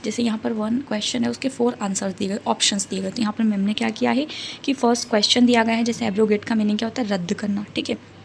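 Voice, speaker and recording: A woman's voice: a little high, fairly even intonation, fast talker, gravelly, slight background noise. A woman giving a casual book review, reading out word lists and checking in with listeners, mixing English words into her Hindi explanations. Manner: reads out word lists and checks in with "theek hai" and "hai na".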